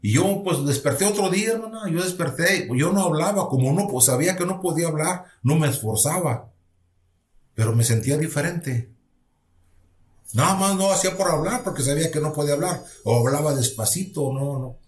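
A man who is a pastor and speaks gives a personal testimony to a listener. He tells it in an earnest, halting way with many restarts. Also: on the high side, lively intonation, slight background noise. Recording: roomy echo.

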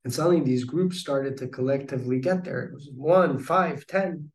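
A man's voice: on the high side, moderate pace, a little mellow, echoey room, far from the mic. A man telling a personal story of recovery in conversation, earnest and reflective, with many restarts.

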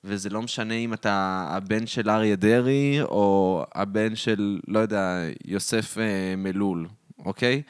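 An Israeli man with a lowish voice talks casually on a podcast in a dry, close recording. His speech is colloquial and dotted with English words. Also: steady tone, clean tone, no echo. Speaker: podcast co-host. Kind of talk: casual conversation.

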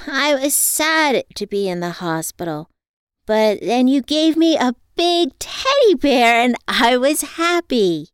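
A woman's voice: high-pitched, sing-song, slow pace, smooth, no room sound, pitched above the performer's own voice, heavily acted. A woman voicing a sweet, eager, affectionate young girl in an audio story.

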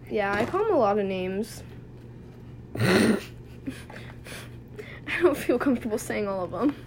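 A woman's voice: on the high side, slight background noise. Giggly young woman retelling texts. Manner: reads out text messages, giggly and animated. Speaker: podcast co-host. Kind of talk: casual chat.

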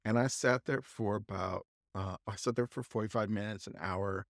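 A man co-hosting a podcast, telling a casual, halting anecdote full of restarts and asides. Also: fairly low pitch, no echo, clean studio sound. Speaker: podcast co-host. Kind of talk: casual storytelling chat.

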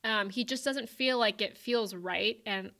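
A woman's voice: medium pitch, measured pace, bright, forceful tone. A young woman co-hosting a podcast, chattily retelling a book's plot with lots of fillers. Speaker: podcast co-host. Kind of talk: casual book chat.

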